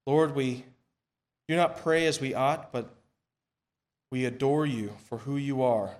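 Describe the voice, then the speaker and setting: A man preaching a sermon and leading prayer at a pulpit microphone in a church, reading scripture in a measured, emphatic way that falls soft at the ends of phrases. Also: mid-range voice, steady tone. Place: church sanctuary.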